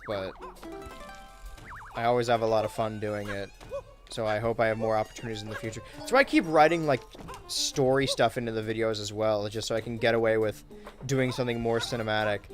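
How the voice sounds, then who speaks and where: A young man casually chatting on a gaming livestream, wry and relaxed, reading chat aloud while he plays. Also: fairly low pitch. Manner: laid-back, wry, reads chat aloud while playing. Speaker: streamer and YouTuber.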